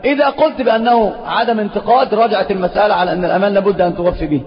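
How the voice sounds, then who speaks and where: Egyptian male sheikh, quick and high, emphatic lecture, lo-fi echoey hall recording. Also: fairly even intonation. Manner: emphatic, rising to forceful stress on key points. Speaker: sheikh teaching a religious lesson. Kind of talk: religious lecture.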